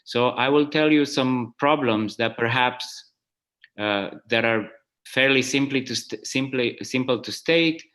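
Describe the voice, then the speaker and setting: This is a plenary math talk at an online conference, given over video call by a guest professor in his forties who comes from Romania. He has a medium-pitched, slightly bright voice, and his delivery is hesitant, with frequent fillers and restarts.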